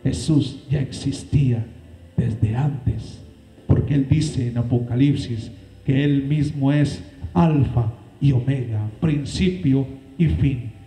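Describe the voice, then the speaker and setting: A man preaching a sermon as pastor, with dramatic swings in pitch and loudness. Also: slow pace, echoey room, faint music behind, low-quality recording. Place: church.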